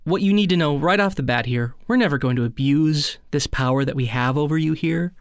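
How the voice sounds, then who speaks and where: Deadpan comic host, man, slightly higher voice, dry close studio sound, fake-soothing meditation delivery. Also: fairly quick, clear, resonant tone, no echo. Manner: deadpan, soothing parody, breaks into banter. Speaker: comedy podcast co-host. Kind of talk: mock guided meditation, deadpan comedy.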